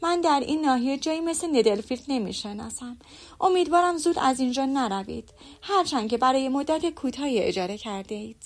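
A woman's voice: sits high, expressive. A woman reading an audiobook, voicing a fussy, boastful middle-aged mother who gushes and prattles. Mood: gushing. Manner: gushing and prattling.

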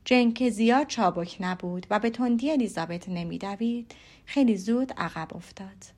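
A woman narrating an audiobook in a steady, measured storytelling voice. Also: medium pitch. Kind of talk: scripted narration.

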